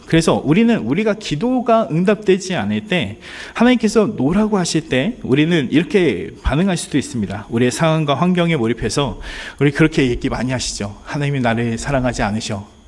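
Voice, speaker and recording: A man's voice: mid-range voice, a little mellow. A man preaching a sermon as pastor, earnest and speaking straight to the congregation, at times acting out pleading prayers. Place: church sanctuary.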